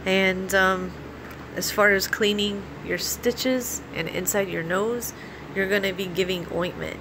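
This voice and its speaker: An American woman vlogger talking casually and giving practical advice, explaining things in an informal, halting way. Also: medium pitch. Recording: clearly audible steady background noise.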